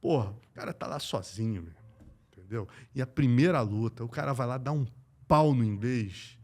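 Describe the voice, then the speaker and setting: A man from Brazil, an MMA journalist, telling stories in a lively, slangy way on a casual podcast. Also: medium pitch, normal speed. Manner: animated, slangy, acts out quoted voices.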